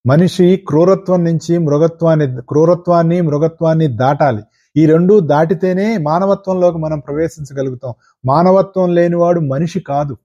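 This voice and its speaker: A spiritual teacher giving a discourse in an earnest, repetitive way, with rhetorical questions. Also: male voice, on the high side, normal speed, mellow, lo-fi sound.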